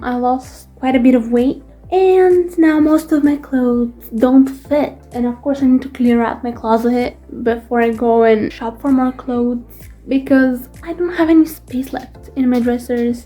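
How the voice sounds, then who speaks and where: A woman's voice: high voice, dark tone. A woman in her twenties chatting casually as a vlogger, rambling and poking fun at herself. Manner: chatty, rambling, self-deprecating. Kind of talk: casual vlog chat.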